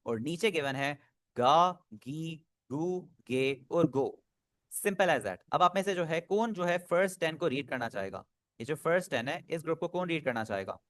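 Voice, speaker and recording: A man's voice: fairly high pitch, lively intonation, normal speed, fairly bright tone, dry recording. A man teaching an online Japanese class, patiently drilling pronunciation over a video call.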